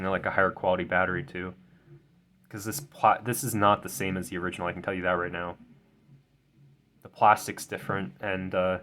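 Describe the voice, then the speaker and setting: A young tech video creator with a deep, slightly bright, somewhat nasal voice unboxes a phone at his desk at home. He sounds tired and a little stuffy, chatting casually and rambling, restarting often and correcting himself amid lots of ums and stumbles.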